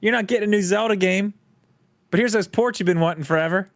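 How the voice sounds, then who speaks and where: A man co-hosting a podcast in casual chat, teasing and lively, sometimes trailing off into mumbles. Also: high voice, fast, no echo, studio quality. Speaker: podcast co-host.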